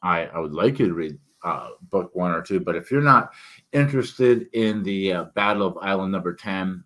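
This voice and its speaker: A man talking casually and haltingly to viewers as an author, his words thick from a swollen tongue and a sore mouth and throat. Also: sits low, animated, fairly bright tone. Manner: halting, rambling, self-interrupting. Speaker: author and book reviewer. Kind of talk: casual solo vlog talk.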